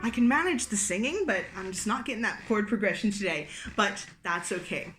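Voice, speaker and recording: A woman leading a relaxed singing warm-up lesson, explaining exercises in an encouraging, chatty way and laughing off her own slips. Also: medium pitch, normal speed. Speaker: singing teacher. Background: piano.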